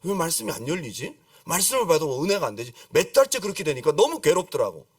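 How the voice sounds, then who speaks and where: A middle-aged man preaching a lively sermon as a pastor, acting out pleading prayers and calling on the congregation to repeat after him. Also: on the high side, fast, no echo, clean studio sound, recorded from a distance. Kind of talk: lively Friday-service sermon. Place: church sanctuary.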